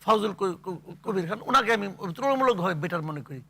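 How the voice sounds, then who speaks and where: An older man giving blunt, scornful political commentary on a talk show, with halting restarts. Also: high-pitched, animated, creaky, sharp tone.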